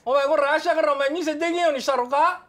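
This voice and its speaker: A man with a Kansai accent playing a loud, bullying middle-aged café customer who blusters and threatens in a comedy sketch. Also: extremely high pitch, fast. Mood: threatening. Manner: blustering, threatening, keeps saying "you".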